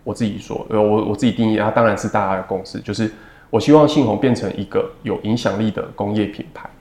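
Low-voiced Taiwanese man, roomy sound. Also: steady tone, darkish tone. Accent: Taiwanese Mandarin. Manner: measured, reflective, frequent "uh" fillers. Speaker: second-generation family business heir. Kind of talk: interview guest. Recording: roomy echo.

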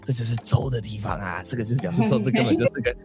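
A man's voice: mid-range voice, rapid-fire, faint music behind. A man hosting a podcast, casually telling a folk ghost story with many fillers and acted voices. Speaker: podcast host.

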